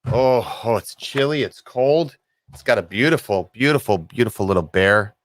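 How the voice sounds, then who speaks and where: A man hosting a casual livestream chat, talking in a playful, rambling way with sudden loud exclamations. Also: medium pitch, expressive, normal speed, dry recording. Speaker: streamer host. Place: home stream setup in Florida.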